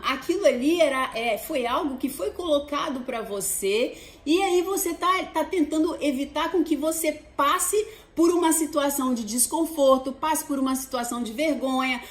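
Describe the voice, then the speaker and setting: High-voiced, chatty Brazilian woman. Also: normal speed. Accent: Brazilian Portuguese. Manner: chatty, animated, addresses viewers as "gente". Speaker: host. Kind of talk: casual advice talk to camera. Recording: echoey room.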